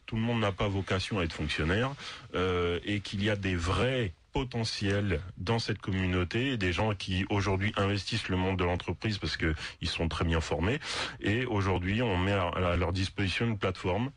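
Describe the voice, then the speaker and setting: A man's voice: deep voice, moderate pace. A man from the French overseas regions speaking earnestly as a guest on a radio business show, often restarting his phrases. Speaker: business network founder, guest. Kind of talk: radio interview.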